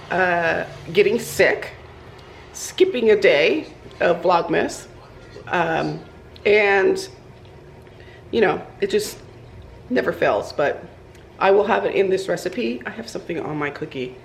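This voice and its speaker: A woman's voice: fairly low pitch, gravelly, slight background noise, poor audio. Chatty woman baking in her kitchen. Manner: chatty, rambling, many fillers and restarts. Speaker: vlogger. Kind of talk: casual baking vlog chat. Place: home kitchen.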